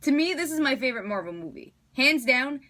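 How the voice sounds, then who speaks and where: A woman's voice: high voice, animated, a little fast, sharp tone. A woman giving a casual, enthusiastic spoken movie review, chatty and full of fillers.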